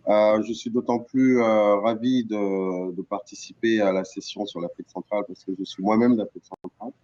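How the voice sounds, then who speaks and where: A middle-aged man from Cameroon giving keynote remarks on an online panel, earnest and halting, full of fillers and restarts. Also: on the low side, fairly even intonation, a little mellow, dull audio. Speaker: panel guest speaker.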